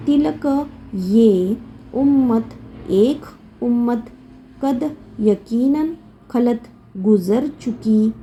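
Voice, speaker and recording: Slow methodical woman teaching Quran words. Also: mid-range voice, warm tone, low-quality recording. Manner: slow, methodical, repeats each word and its meaning. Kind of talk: word-by-word Quran translation lesson.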